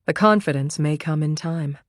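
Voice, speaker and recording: Low-voiced woman narrating a thriller. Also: moderate pace, dry recording, studio quality. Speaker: audiobook narrator. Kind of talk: scripted narration.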